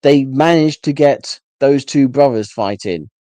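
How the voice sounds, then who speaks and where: A man's voice: medium pitch, a little slow, warm tone, dry recording. A man hosting a casual solo rant, rambling with frequent restarts and exasperated asides. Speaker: solo livestream host.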